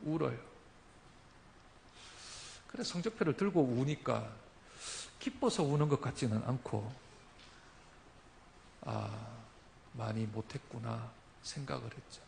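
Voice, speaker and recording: A middle-aged man preaching a sermon as a pastor. He moves between quiet, low storytelling and loud, rising exhortation. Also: unhurried, vocal fry, long pauses, a little hiss or hum. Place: church sanctuary.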